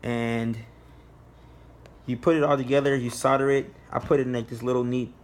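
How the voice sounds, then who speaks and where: A man's voice: medium pitch, level tone, normal speed. A man giving a casual, plain-spoken how-to narration, explaining things informally as a DIY presenter.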